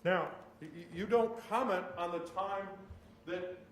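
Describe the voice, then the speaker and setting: A man's voice: high voice, unhurried, fairly bright tone. A man in a courtroom recording, questioning a witness with leading questions that end in "correct?". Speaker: defense attorney. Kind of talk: courtroom cross-examination. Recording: echoey courtroom, distant mic, faint noise.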